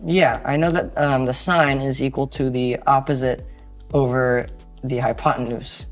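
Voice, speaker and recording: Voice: mid-range voice, fairly even intonation, moderate pace, soft background music. A student in a tutoring session reasons through a problem aloud. The delivery is hesitant, with starts and restarts before each guess.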